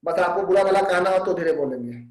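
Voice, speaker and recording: A male physics teacher giving a live online class, dictating slowly while writing on a board. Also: high-pitched, animated. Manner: dictates slowly, mixing Hindi and English. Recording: very echoey room, distant mic.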